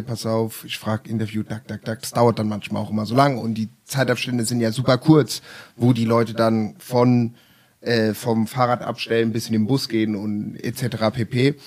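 A man co-hosting a podcast, telling stories in a lively way and acting out the quotes. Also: medium pitch. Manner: animated storyteller, acts out quotes. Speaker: co-host. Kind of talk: casual anecdote telling.

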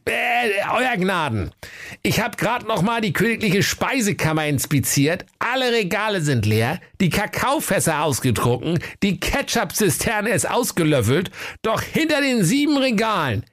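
A man's voice: high-pitched, a bit bright, voice pushed up. A man voicing a nervous, fawning male royal steward who stammers.

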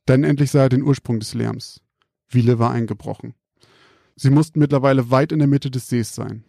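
A man calmly reading out a scripted spooky story in a measured, quiet storytelling manner. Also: medium pitch, gravelly, no echo, clean studio sound.

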